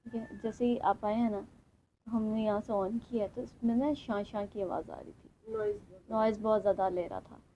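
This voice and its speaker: A woman's voice: mid-range voice, steady tone, normal speed, dark tone. Woman organizer explaining stuff plainly, dull lo-fi audio w a bit of noise. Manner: explaining, matter-of-fact. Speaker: event organizer. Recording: dull lo-fi sound, faint noise.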